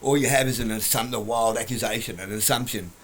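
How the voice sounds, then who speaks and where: This vlogger, speaking at a quick pace with a medium-pitched voice, lectures bluntly from his couch at home. The monologue wanders, words get cut off midway, and he laughs at himself.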